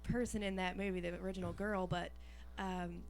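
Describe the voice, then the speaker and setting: A woman's voice: fairly low pitch, little pitch movement, brisk, darkish tone, slight background noise. A woman actress being interviewed on a radio show, giggly and hesitant, with many fillers. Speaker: actress guest. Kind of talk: interview answers.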